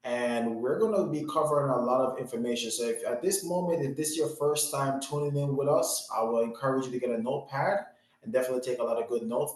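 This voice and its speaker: A man from Jamaica delivers an earnest, motivational talk on family finances, often repeating himself and leaning on "you know." His voice sits at a middle pitch. The sound is very echoey, as if recorded in a bare room. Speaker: financial educator. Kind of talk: webinar-style presentation.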